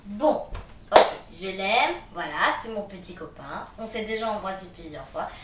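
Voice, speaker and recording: A woman's voice: medium pitch, lively intonation, moderate pace, echoey room, far from the mic, a crowd in the background, lightly acted. A woman playing an irritated older sister who answers with snappy, impatient retorts. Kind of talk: amateur theatre acting.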